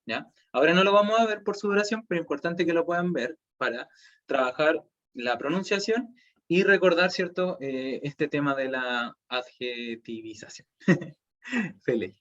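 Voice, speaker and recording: A man's voice: a little high, moderate pace, a bit bright, highs cut off. A man with a Chilean Spanish accent teaching a language class online, explaining step by step and checking in with students often.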